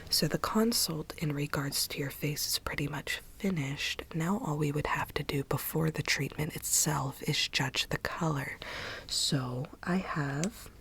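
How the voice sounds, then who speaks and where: A woman whispers in a breathy, unvoiced way, gently role-playing a consultant explaining things to a client, ASMR-style. Her whisper is low-pitched and unfolds at a measured pace.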